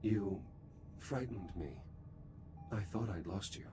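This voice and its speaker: A man's voice: low voice, takes it slowly, noisy background. An actor playing a devoted, determined male crewmate in a space video game, with a terse, earnest and intense delivery. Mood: relieved, tender. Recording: loud music over the voice.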